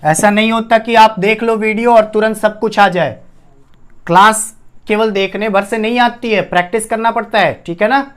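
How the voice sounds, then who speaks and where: A man's voice: high-pitched, fairly even intonation, normal speed, fairly bright tone, clear, resonant tone. A man teaching a Hindi grammar lesson, asking the class questions and repeating each key term. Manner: addresses students as "bhaiya". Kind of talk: classroom-style lesson on a whiteboard.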